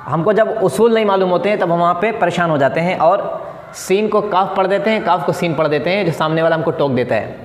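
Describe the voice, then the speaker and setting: एक पुरुष शिक्षक बोर्ड पर सबक समझाते हुए, धीरे-धीरे और हर मिसाल के शब्द को कई बार दोहराते हुए।. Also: male voice, sits high, slight background noise. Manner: slow, repeats example words several times. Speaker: English teacher. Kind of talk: classroom lesson at a board. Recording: echoey room with long reverb.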